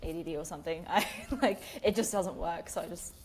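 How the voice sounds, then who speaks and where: A woman hosting a podcast interview, chatting casually and excitedly, dropping "like" often. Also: fairly low pitch, brisk, a crowd in the background. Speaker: podcast host.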